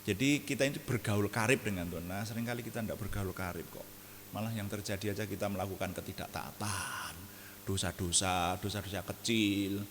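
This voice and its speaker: A man preaching an evening prayer sermon, animated and jokey, often laughing at his own asides. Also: on the low side, a little fast, in a large hall, slight background noise.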